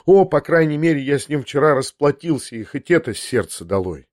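A man's voice: a little high, expressive, brisk, dry recording, studio quality. Emotional male audiobook narrator. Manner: emotional, swings between outbursts and hushed passages. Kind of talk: first-person literary audiobook reading.

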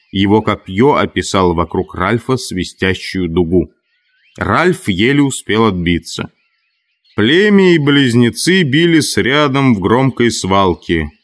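A man reading a novel aloud as audiobook narrator, with expressive, dramatic delivery. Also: medium pitch. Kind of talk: scripted narration.

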